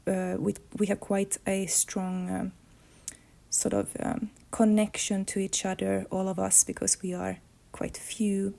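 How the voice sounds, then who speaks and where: A woman from Finland whose first language is Swedish speaks in a gravelly, even-toned, mid-range voice. She is an illustrator and comics artist giving a reflective monologue about her life, thoughtful and sometimes searching for words.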